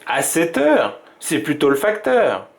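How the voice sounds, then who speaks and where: A man's voice: on the high side, wildly swooping pitch, takes it slowly, creaky, pitched above the performer's own voice, exaggerated voice. A man voicing a grumpy, easily rattled father in a storybook, grumbling and exasperated.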